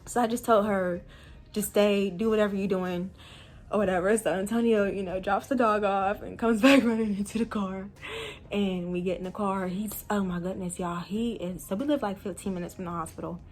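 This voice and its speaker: A young woman casually telling a personal story to her viewers, chatty and animated, full of fillers. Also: mid-range voice, a little fast. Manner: chatty, animated retelling with many fillers and laughs.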